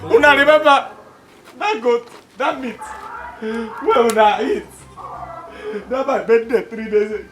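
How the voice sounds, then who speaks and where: An actor playing a defensive, gossiping tenant and cook in a Nigerian comedy film, speaking Nigerian Pidgin. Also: male voice, extremely high pitch, unhurried. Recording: loud music behind the voice.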